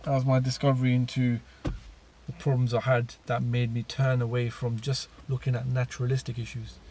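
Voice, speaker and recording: A man's voice: mid-range voice, monotone, brisk, darkish tone, a little hiss or hum. A man telling his personal story in a casual monologue, rambling with many fillers and restarts.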